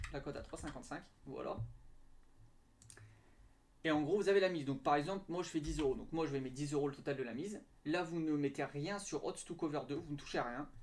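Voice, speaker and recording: Casting: young man, slightly high voice, halting and filler-heavy, casual screen tutorial. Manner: hesitant, many fillers and restarts. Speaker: betting tips youtuber.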